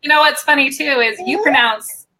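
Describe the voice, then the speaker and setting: A woman's voice: high-pitched, normal speed, noisy background. A woman with an American accent, a guest in a casual live-stream chat, easygoing and laughing often.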